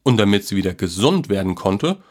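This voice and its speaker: A man's voice: lowish voice, big pitch swings, brisk. A man voicing a kindly, playful old man who teases and encourages a boy. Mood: storytelling. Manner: warm, teasing and encouraging.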